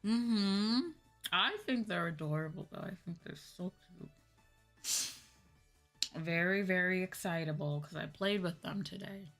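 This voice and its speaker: Speaking at a measured pace in a lowish, slightly bright voice, a young adult VTuber streamer casually answers her livestream chat. She's hesitant and musing, with a voice gone a bit sore and tired after a day of talking, and music plays in the background.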